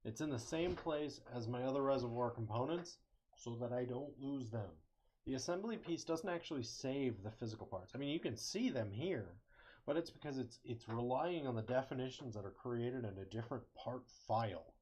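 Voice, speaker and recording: A man's voice: mid-range voice, lively intonation, moderate pace, a little mellow, husky. A young man casually talking through a CAD design on screen, thinking aloud, correcting himself and cracking small jokes. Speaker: engineering student. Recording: slightly muffled lo-fi mic.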